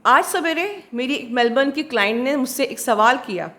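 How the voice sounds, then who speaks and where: A woman with a high voice gives a spiritual counseling talk to her viewers. She slows down to stress English phrases and often stops to ask whether everyone is following. Soft music plays faintly behind her. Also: animated. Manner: slow, emphatic English phrases mixed into Hindi; keeps checking in with listeners. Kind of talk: monologue to viewers.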